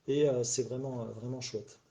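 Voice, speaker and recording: A middle-aged man hosts a casual solo live stream, rambling and hesitant, full of fillers and restarts, and a little stuffy after a cold. His mid-range voice is steady and dark, at a normal speed. He's picked up by a phone or webcam mic.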